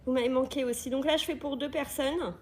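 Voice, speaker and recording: A woman's voice: high voice, fairly even intonation, a little fast, darkish tone. A woman hosting a live cooking stream from an agency kitchen, chatting with viewers, greeting them often and reading their comments aloud.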